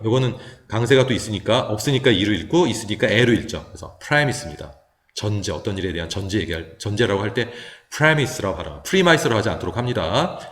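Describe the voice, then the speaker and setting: A man who teaches high school English, explaining pronunciation step by step in a patient lecture style with many small fillers. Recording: echoey, reverberant room.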